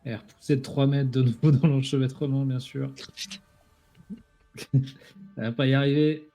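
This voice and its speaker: A man's voice: mid-range voice, fairly even intonation, normal speed, mellow. A man acting as game master, casually narrating a tabletop role-playing game.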